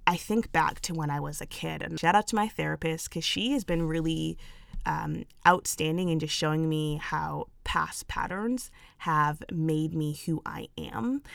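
Woman podcast host from England, low voice, candid and reflective, chatty with fillers, dry close-mic sound. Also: a little slow, creaky, no echo. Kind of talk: solo podcast monologue.

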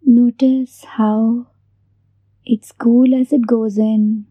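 A woman hosting a guided meditation in a soft, breathy near-whisper, gently giving unhurried instructions with long pauses. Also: a little high, level tone, no echo, dull audio. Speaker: meditation host.

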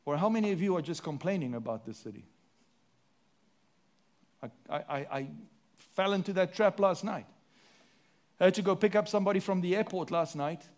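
Speaking at a normal speed with long pauses, a South African-accented pastor delivers a sermon from the pulpit. His voice is high for a man, and his preaching sweeps up and down as he poses rhetorical questions to the congregation, alternating forceful lines with softer, hushed ones.

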